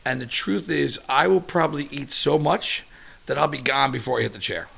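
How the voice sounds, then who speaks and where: A middle-aged man, a chef, chatting casually in an interview as an animated, slightly profane storyteller. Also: mid-range voice, a little fast, vocal fry, slightly rough.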